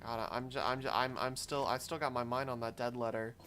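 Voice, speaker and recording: A man's voice: mid-range voice, little pitch movement, a little fast, a bit bright. A man streaming a video game, chatting and thinking aloud as he plays. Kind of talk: casual gameplay commentary.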